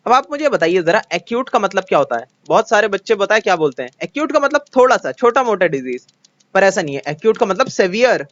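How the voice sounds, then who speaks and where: A man's voice: high voice, fairly bright tone, no room sound, muffled recording. A young man teaching a chemistry lesson in a chatty way, explaining with everyday examples and asking his students questions. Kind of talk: conversational Hindi lesson.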